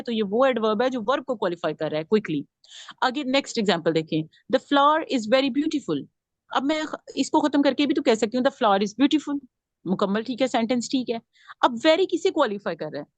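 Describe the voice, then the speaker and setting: A woman with a fairly high voice leads a grammar lesson. She explains each point step by step and keeps asking her class questions. The recording is dry and close. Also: no echo. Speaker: grammar teacher.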